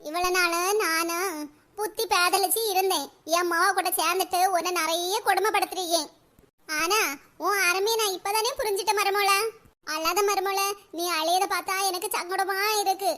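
A woman voicing an older village mother-in-law in a comedy cartoon, with a Kanyakumari Tamil accent and a shrill, squeaky voice. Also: steady tone, moderate pace, bright, forceful tone. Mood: coaxing. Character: scheming old mother-in-law turned loving, village woman.

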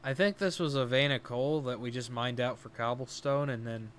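A man's voice: medium pitch, normal speed, fairly bright tone. A young man with a mid-range voice chats through his gameplay as he plays, explaining every step aloud to his audience. The recording was made on a home desk mic and carries a faint background hiss. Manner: chatty, talks through each step aloud. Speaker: let's play host. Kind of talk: casual gameplay commentary.

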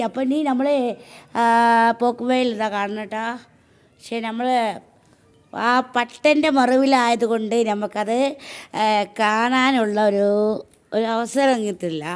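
A woman's voice: on the high side, fairly even intonation, moderate pace. A woman, chatting casually to her viewers in a homely home vlog. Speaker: home vlogger. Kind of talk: casual chat to camera.

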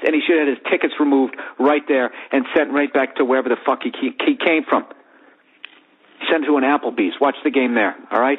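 A man hosting a podcast, telling a profane, rambling comic story in a lively way from his bedroom. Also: mid-range voice. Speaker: podcast host. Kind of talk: comedic storytelling monologue. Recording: phone-like lo-fi audio.

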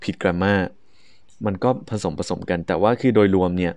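A young adult man with a Thai accent, explaining exam band scores as a teacher. He reads the English descriptors slowly and chats quickly in between. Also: deep voice, steady tone, a little mellow, smooth, dry recording. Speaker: IELTS speaking teacher.

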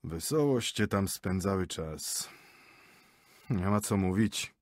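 A man's voice: sits low, big pitch swings, normal speed, no room sound. A man voicing a sullen, suspicious husband who grumbles and mumbles, in an audiobook. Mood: grumbling. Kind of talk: audiobook character reading.

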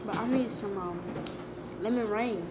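A woman's voice: medium pitch, measured pace. A young woman chatting casually in short remarks as she eats for a mukbang, recorded on a phone in a home kitchen. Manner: talks while eating, in short casual remarks. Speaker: mukbang vlogger. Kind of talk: casual mukbang eating chat. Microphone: phone propped on the table. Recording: clattering dishes, noisy home kitchen.

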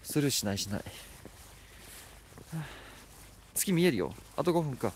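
A man's voice: a little high, big pitch swings, moderate pace, a little mellow, a little hiss or hum. Playful man streaming outdoors at night. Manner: playful, teasing, chatty. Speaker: livestreamer. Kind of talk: casual live-stream chat reading viewer comments. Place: outdoors at night at a rural spot.

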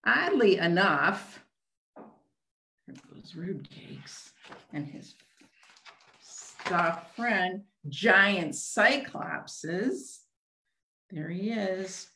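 Over a video call from a small room at home, an older children's librarian hosts storytime, reading aloud and counting along in simple language for young children and asking them counting questions. Her mid-range voice is pushed and bright with lively intonation, very slow and full of long pauses. The computer mic gives roomy, echoey audio with a little hiss or hum.

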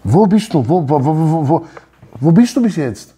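A man's voice: a little high, sing-song, normal speed, dark tone, slightly rough. A man in his thirties giving an emphatic Torah lecture, firing rhetorical questions and mixing in Hebrew words, recorded on a lapel mic in an office room. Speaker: Torah teacher. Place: office room with wooden wall.

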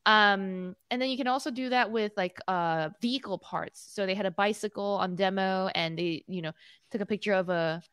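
A young woman co-hosts a podcast from a room at home, chatting about tech news into a studio mic over a video call. Her mid-range voice has a fairly bright, clear, resonant tone at a normal speed, and she's bubbly and chatty with plenty of fillers. The sound is studio quality with no echo.

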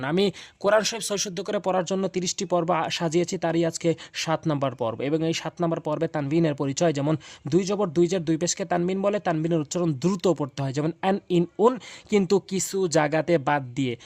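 A man's voice: on the high side, darkish tone, no room sound. A man teaching Quran pronunciation in a lesson, patiently explaining and drilling syllables one by one, with a Bangladeshi Bengali accent.

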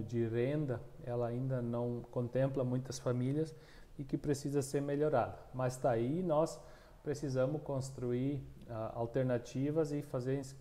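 A man in his thirties with a dark, mid-range voice and a southern Brazilian Portuguese accent answers interview questions as a union coordinator. He speaks haltingly, with many restarts and fillers, recorded on a lapel mic indoors in a small room with a plain wall.

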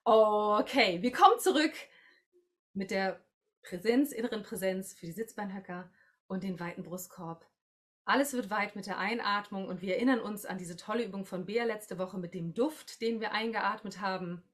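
A woman guiding a group through breathing and singing exercises, giving calm instructions and demonstrating phrases. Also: mid-range voice, moderate pace. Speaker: voice workshop leader.

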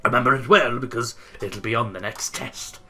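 A man's voice: mid-range voice, moderate pace, over music, close to an everyday voice. A man playing a showy, eccentric stranger. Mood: grandiose. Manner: showy, proclaiming delivery. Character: theatrical, eccentric grown man making a grand entrance.

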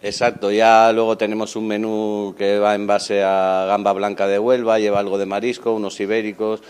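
Earnest restaurant manager, low voice. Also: male voice, little pitch movement, moderate pace, a little mellow, clean tone. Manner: earnest, lots of fillers and restarts. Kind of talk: on-camera interview. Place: restaurant dining room, indoors. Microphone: handheld mic held by interviewer.

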